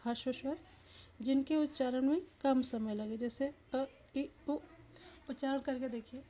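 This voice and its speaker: A woman's voice: high-pitched, steady tone, normal speed, dark tone. A woman teacher giving an exam-prep lesson, asking the viewer questions and sounding out each letter aloud.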